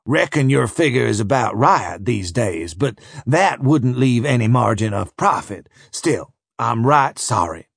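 A man voicing a courteous, calculating slave buyer who drawls slowly and politely. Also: medium pitch, lively intonation, gravelly, breathy edge, no echo, studio quality, full character voice.

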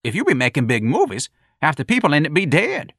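Sardonic streetwise wisecracker voiced by a male reader, high-pitched, jeering banter. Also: wildly swooping pitch, fast talker, vocal fry, fairly bright tone, no echo, studio quality, heavily acted. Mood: sarcastic. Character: wisecracking man, sarcastic and streetwise.

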